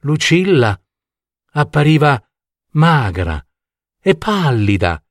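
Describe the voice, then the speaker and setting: A man narrating a fairy tale for children in a measured, deliberate way. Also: a little high, sing-song, dry recording, clean studio sound. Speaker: storyteller.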